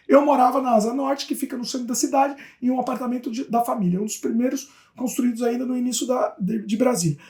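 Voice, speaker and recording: A woman from Brazil co-hosting a casual chat show, reading viewer comments aloud with lively asides. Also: high-pitched. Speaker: co-host. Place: home in Canada. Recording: roomy echo.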